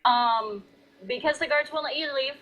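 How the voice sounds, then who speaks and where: A woman narrating a tabletop game as game master, casually and haltingly, repeating phrases as she goes. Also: sits high, lo-fi sound.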